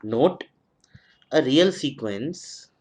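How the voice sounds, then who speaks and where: Man, maths lecturer, dictating notes, very slow delivery, mid-pitched. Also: lively intonation, husky. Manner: mixes Hindi and English, dictates slowly, repeating each phrase. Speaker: mathematics lecturer.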